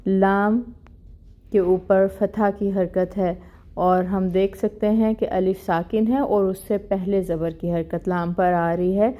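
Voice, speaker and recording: A woman teaching tajweed in an online lesson, explaining each rule plainly and reciting verses slowly and drawn out. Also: on the low side, mellow. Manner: explains rules plainly, mixing in English words.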